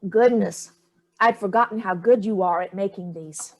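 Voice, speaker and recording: Reading a staged play, an older woman portrays a haughty elderly mother who dodges questions and tosses off barbed, dismissive lines with theatrical flair. She sounds breezy, her medium-pitched voice at normal speed and close to how she'd talk every day.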